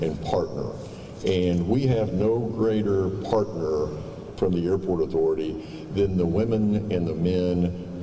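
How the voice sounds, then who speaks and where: A man giving formal, courteous public remarks as an airport official, in a measured but halting way. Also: sits low, warm tone. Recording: echoey hall, distant mic, background noise.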